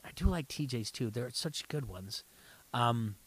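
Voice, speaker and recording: A middle-aged man co-hosting a casual reality TV recap podcast, rambling and restarting his sentences, getting animated as he recounts scenes. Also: mid-range voice, a little slow, husky. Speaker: podcast co-host. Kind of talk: casual chat.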